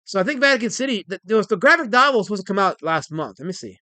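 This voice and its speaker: A man in his forties hosting a casual livestream, excitable and rambling as he reads chat messages aloud. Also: sits high, racing, no echo. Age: 40s. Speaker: livestream host.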